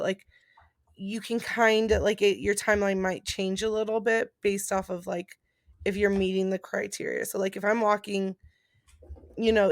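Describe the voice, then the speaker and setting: A woman speaks in an informal, explanatory way, like a casual vlog chat. Her voice has a noticeable gravelly fry at a middle pitch. The sound is dry, with very little room in it. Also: no room sound. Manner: informal, explanatory, reading out points then paraphrasing. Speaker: vlogger and post-surgery patient. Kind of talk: casual chat about recovery.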